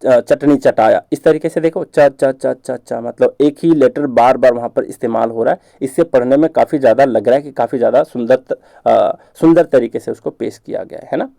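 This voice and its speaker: A man teaching an exam-prep grammar lecture, explaining patiently, checking understanding with questions, and reading English examples slowly. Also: medium pitch, creaky, mellow, no room sound.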